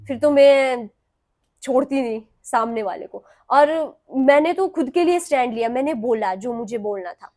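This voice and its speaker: A young adult woman from Himachal Pradesh, a guest on a talk show, telling a personal story in an animated way and acting out what others said. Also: high-pitched, normal speed. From Himachal Pradesh, India. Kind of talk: recounting a personal story in an interview.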